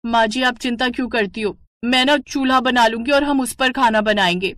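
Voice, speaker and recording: A naive young daughter-in-law in a cartoon story, voiced by a woman, pleading and melodramatic. Her voice sits high and loud. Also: normal speed, natural voice.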